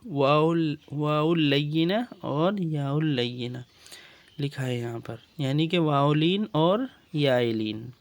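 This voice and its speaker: A male Quran reading teacher explaining a lesson on screen, drilling syllables slowly and deliberately and mixing in English terms. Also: fairly high pitch.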